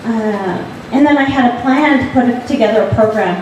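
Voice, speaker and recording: Recorded at a distance in an echoey gallery hall with background noise, a woman from Alaska talks as a panelist and visual artist. She speaks at a moderate pace in a slightly high, darkish voice. Her speech is hesitant and packed with fillers.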